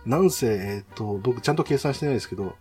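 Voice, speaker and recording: A man's voice: mid-range voice, lively intonation, quick pace, a little mellow, soft background music. A man chatting casually and politely about games as a host, in a chatty way. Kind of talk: casual game talk with a co-host.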